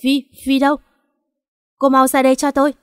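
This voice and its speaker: A woman voicing a furious young male gang member who shouts in anger in a storybook. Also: high-pitched, monotone, a little fast, big-room sound, voice pushed up, lightly acted. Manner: angry, shouting.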